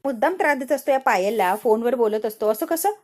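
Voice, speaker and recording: A woman recapping a TV serial episode in an animated storytelling style, acting out the characters' lines as she narrates. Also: a little high, fast talker. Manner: animated, switches between narration and acted-out lines.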